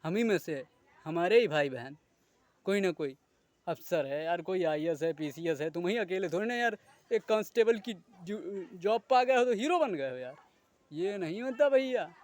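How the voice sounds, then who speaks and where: A man's voice: sits high, animated, moderate pace, a little mellow, no room sound. A man delivering a heated, indignant monologue to viewers, swearing crudely and firing off rhetorical questions. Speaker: video creator. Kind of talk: ranting monologue to camera.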